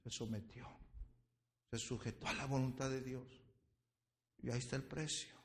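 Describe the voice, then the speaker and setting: A man's voice: medium pitch, flat delivery. A male pastor preaching a sermon with impassioned delivery. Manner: impassioned preaching, dwells on words slowly.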